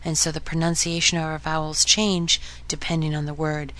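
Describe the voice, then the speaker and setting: A woman hosting a podcast lesson on Spanish pronunciation, modeling each sound slowly and clearly for listeners to repeat. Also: deep voice, level tone, a bit bright. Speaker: Spanish teacher.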